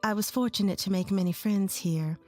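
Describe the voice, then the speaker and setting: Young woman narrating a story, mid-pitched voice, even earnest delivery, faint music beneath. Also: moderate pace. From rural Texas, USA. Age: 20s. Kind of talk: scripted first-person story narration.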